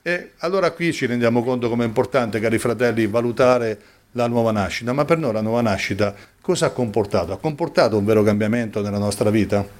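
A man preaching a sermon, asking rhetorical questions and rising sharply in pitch for emphasis. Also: fast.

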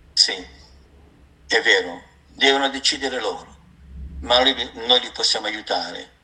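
A man preaching a sermon, reading scripture and addressing his listeners as brothers, with impassioned swings between raised exclamations and quiet asides. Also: mid-range voice, poor audio.

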